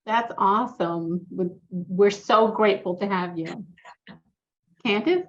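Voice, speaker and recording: A woman hosting a podcast interview, upbeat and encouraging, reacting quickly to her guests. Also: medium pitch, dull audio. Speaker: podcast host. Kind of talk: casual interview chat.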